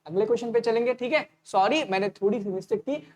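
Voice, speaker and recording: A man teaching an online exam-prep lecture, talking fast and repeating each point as a question to the students before answering it himself. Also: very high voice, a little mellow. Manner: casual, addresses students directly.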